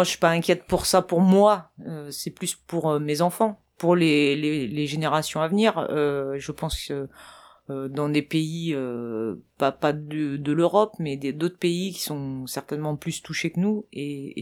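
A woman's voice: deep voice, darkish tone. A woman from France answering street interview questions, hesitant, with many fillers and restarts. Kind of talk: vox pop interview answers.

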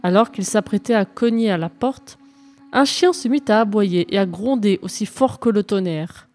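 A woman narrating a fairy tale in calm, even storybook reading. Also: mid-range voice, moderate pace, faint music behind.

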